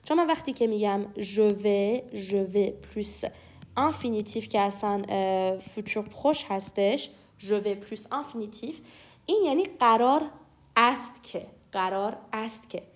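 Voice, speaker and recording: A young woman teaching French grammar. She explains patiently and slows down to spell out example phrases. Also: mid-range voice, lively intonation. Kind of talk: explaining lesson.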